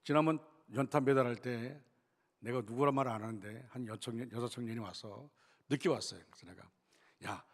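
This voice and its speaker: A man's voice: medium pitch, brisk. A man, the senior pastor, preaching a sermon in a church sanctuary, emphatic, repeating key phrases and addressing the congregation directly. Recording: long church reverb.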